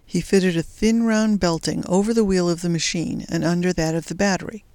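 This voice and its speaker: A story narrator with a mid-range voice and a steady, even delivery. The reading sounds close and dead dry, with no room around it. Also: medium pitch, brisk, dry recording. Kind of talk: audiobook narration.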